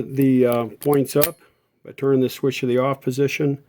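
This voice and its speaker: A middle-aged man hosts a vintage radio repair channel, walking through a casual hands-on repair tutorial as he works. He talks in an informal, folksy way, with a medium-pitched, warm voice.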